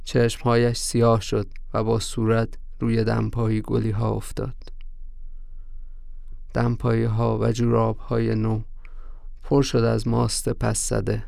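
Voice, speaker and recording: Gravelly male story narrator. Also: lowish voice, monotone, a little mellow, no room sound, studio quality.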